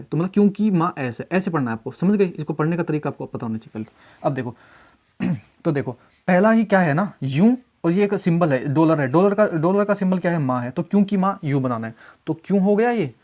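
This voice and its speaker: Solving mock test questions step by step, this teacher of exam reasoning speaks fairly quickly and animatedly in a fairly high, darkish voice. He repeats himself and coaxes his students, often checking with "samjhe?".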